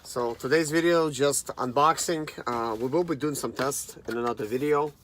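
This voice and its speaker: Casual and conversational, a thirty-something man addresses viewers as "guys" while unboxing a product on camera. His mid-range voice is fairly bright and moderately paced, with a little hiss or hum in the recording.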